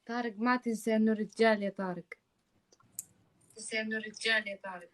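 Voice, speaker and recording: A woman's voice: on the high side, steady tone, quick pace. A woman in casual live-stream banter, insistent and repeating her phrases.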